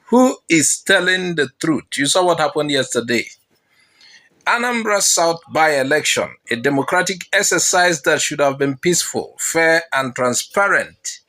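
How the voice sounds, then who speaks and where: A man's voice: on the high side, lively intonation, unhurried, sharp tone. A man delivering scripted news commentary, posing dramatic rhetorical questions to his viewers.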